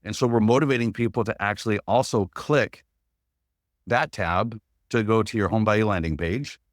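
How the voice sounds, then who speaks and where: Low-voiced man presenting a sales webinar. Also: normal speed, no echo, studio quality. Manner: upbeat, repeats steps as a checklist. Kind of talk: instructional webinar.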